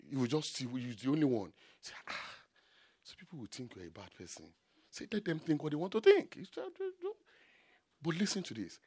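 A man preaching a sermon, shifting between loud shouted peaks and low quiet asides, repeating key lines for emphasis. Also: slightly rough.

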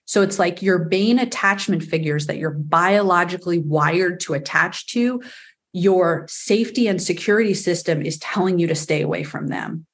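A woman's voice: lowish voice, moderate pace. A woman with a New York accent, a guest on a podcast interview, explaining earnestly with frequent fillers. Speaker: attachment specialist guest.

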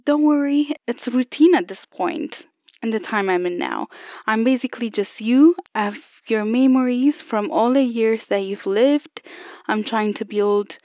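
A woman playing a calm AI over an old telephone. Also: medium pitch, no echo. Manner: patient, explaining, slightly halting. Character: calm AI copy of an older woman. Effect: voice over an old telephone line. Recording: dull lo-fi phone sound, dry.

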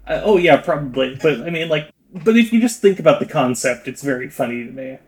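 A man's voice: fairly high pitch, animated, a little fast. A man co-hosting a podcast in casual chat, with a loose, wry and hedging way of talking. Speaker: podcast co-host.

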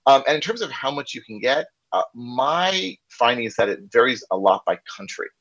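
An American man, a corporate trainer appearing as a podcast guest, tells a candid story in a casual conversation and acts out the dialogue he quotes. His mid-range voice is expressive, a bit bright, and moderately paced. The lo-fi recording sounds slightly dull.

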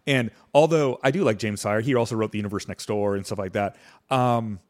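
A young adult man hosts a casual podcast, chatting and teaching ideas in a rambling way full of fillers, restarts and self-corrections. His voice is fairly low and brisk.

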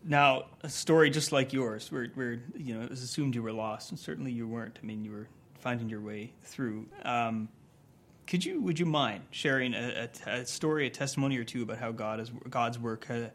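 A man hosting an interview, asking supportive questions in a halting way with fillers. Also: mid-range voice, fairly bright tone. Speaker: interviewer, host. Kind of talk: interview conversation.

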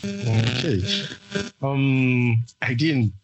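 A young man from Zambia, a guest in an interview, talking in a relaxed, hesitant way with many fillers. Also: medium pitch, extremely slow, highs cut off, faint music behind. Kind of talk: casual interview talk.

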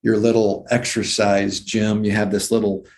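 A man's voice: on the low side, level tone, moderate pace, darkish tone. A man who once taught anatomy, explaining muscles and breathing in a casual conversation with enthusiasm. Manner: enthusiastic, detail-heavy, lists muscle names. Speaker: former anatomy teacher, guest.

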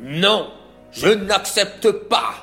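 A man voicing a proud, wealthy host who shouts angrily at an unwanted guest. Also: sits high, animated, very slow, gravelly, soft background music, voice pushed up, full character voice. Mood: shouting. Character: wealthy furious male host, proud and harsh.

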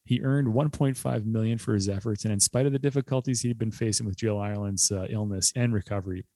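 Man, podcast co-host, mellow warm tone, dry close sound, casual chat, laughs a lot. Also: lowish voice, fairly even intonation, no echo. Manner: laughs often, fast rundown read aloud.

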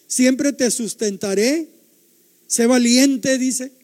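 A man's voice: extremely high pitch, dark tone, in a large hall. An older man preaching a sermon, emphatic and repetitive, putting rhetorical questions to his listeners.

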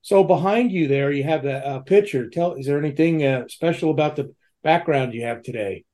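A man's voice: a little high, a little fast, warm tone. A man hosting a casual interview, wordy and repeating phrases for emphasis. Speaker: podcast host, interviewer.

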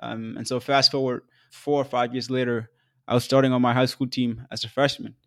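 A man in his twenties from South Sudan, hosting his own podcast in an earnest, measured solo narration with occasional fillers. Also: medium pitch, level tone, fairly bright tone, dry recording, clean studio sound. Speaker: podcast host.

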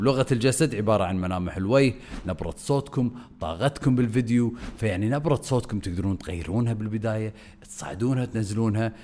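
A man giving an energetic video lesson as a content coach, swinging his voice up and down on purpose. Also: mid-range voice.

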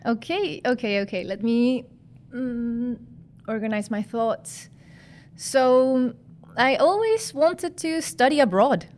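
Woman guest, fairly high voice, chatty, hesitant phrasing. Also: slow, a little mellow. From Chile. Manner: chatty, searching for words, laughs often. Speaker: guest, former physician and master's student. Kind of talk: podcast interview.

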